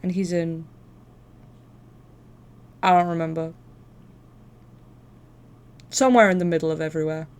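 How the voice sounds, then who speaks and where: A woman's voice: low-pitched, steady tone, measured pace, long pauses, darkish tone, clear, resonant tone. A woman hosting a casual livestream, chatting in an informal, profane, talkative way. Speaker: live stream host.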